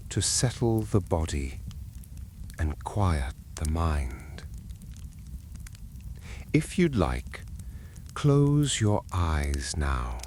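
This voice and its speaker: A man narrating a soothing sleep story in a hushed, gentle, calming way, with long pauses between phrases. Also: low voice, a little hiss or hum.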